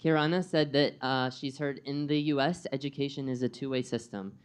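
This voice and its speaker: In a live talk, a young man from the U.S. who serves as guest speaker and program coordinator keeps the crowd involved by asking them questions in a friendly manner. His mid-range voice is clean and moves fairly quickly.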